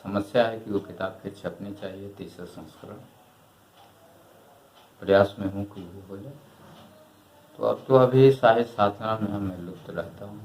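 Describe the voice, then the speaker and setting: An older man, a retired writer and historian, answering interview questions in a measured, reflective way. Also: lowish voice, fairly even intonation, darkish tone, roomy sound, low-quality recording.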